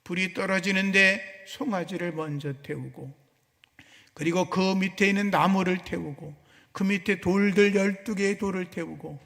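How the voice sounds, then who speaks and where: A man's voice: sits high, moderate pace, vocal fry, a bit bright. A middle-aged male pastor preaching a sermon in a church, telling the story with dramatic flair. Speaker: senior pastor. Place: church sanctuary. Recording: church hall with long reverb.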